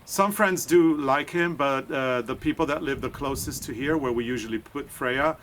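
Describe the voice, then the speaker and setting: A man's voice: mid-range voice, normal speed, a bit bright. Man, podcast co-host, casual meandering talk, faint noise behind. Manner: chatty, meandering, with many fillers and restarts. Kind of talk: casual chat.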